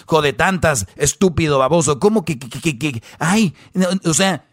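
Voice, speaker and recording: A man's voice: a little high, expressive, normal speed, fairly bright tone, dry recording, clean studio sound. A man voicing a furious, hysterical wife with a Mexican accent, shrilly hurling insults at her husband. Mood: ranting. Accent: Mexican Spanish.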